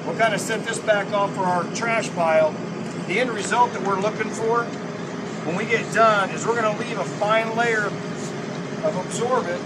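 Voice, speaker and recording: Middle-aged man with a high-pitched voice, hands-on demonstrator talking while he works, recorded outside over roaring rooftop units. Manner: practical, explaining while working on his knees. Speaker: product demonstrator. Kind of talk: casual how-to demonstration. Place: outdoors on a commercial rooftop. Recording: loud outdoor noise from rooftop machinery. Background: loud rooftop air conditioning units and wind.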